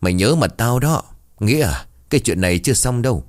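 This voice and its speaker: A man's voice: medium pitch, lively intonation, a little fast, dry recording, studio quality, voice pushed up, close to an everyday voice. A man voicing a brash, menacing young village bully in a storybook tale. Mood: threatening.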